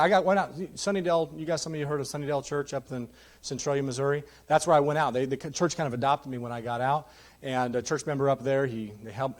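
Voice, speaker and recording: Man, thirties, fairly high voice, testimony sermon, candid, joking, church pulpit. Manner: candid, jokey, animated storytelling. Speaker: guest preacher. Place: church sanctuary.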